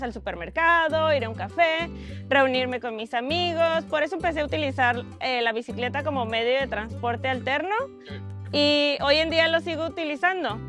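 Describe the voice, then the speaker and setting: A young woman from Monterrey, Mexico, calmly answering interview questions. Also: high voice. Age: young adult. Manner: calm, practical, with fillers. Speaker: interview guest. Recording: faint music underneath.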